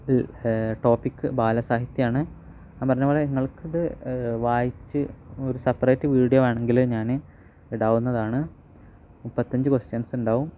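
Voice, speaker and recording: Man reading a kids comic out loud, pretty monotone, bit muffled sound w faint hiss. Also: medium pitch. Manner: even, level reading with small fillers. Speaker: comic reader for a children's channel. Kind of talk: reading a children's comic aloud with chatty asides. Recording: slightly dull recording, faint noise.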